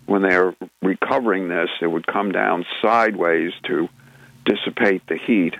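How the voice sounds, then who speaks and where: Very deep gravelly man on radio. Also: unhurried, fairly bright tone, dry recording, lo-fi sound. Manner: rambling, with many restarts and filler sounds. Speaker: radio show co-host presenting news segments. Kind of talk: casual radio chat.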